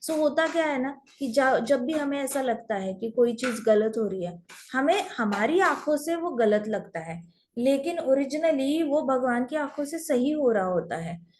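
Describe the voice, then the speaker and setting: A woman's voice: high-pitched, animated, unhurried, a little mellow, a little hiss or hum. A woman teaching a scripture class through storytelling, mixing in English phrases.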